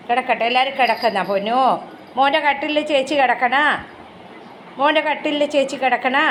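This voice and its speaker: A woman vlogger at home, softly pleading and coaxing her pet dog in affectionate pet talk. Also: high-pitched, slight background noise. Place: home indoors.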